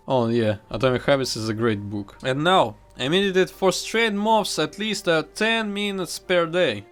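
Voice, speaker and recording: A man's voice: on the high side, fairly bright tone. Earnest young man. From Kazakhstan. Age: 20s. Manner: earnest, heartfelt, reads from a script. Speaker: vlogger. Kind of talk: scripted personal vlog narration.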